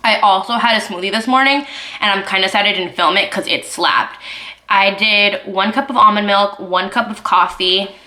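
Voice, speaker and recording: A woman's voice: mid-range voice, normal speed, pushed and bright. A woman in her twenties chatting casually at home over breakfast, full of fillers like "like", sometimes talking with her mouth full. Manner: chatty, filler-heavy talk, eating while speaking. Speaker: vlogger. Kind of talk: casual chat. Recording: echoey room.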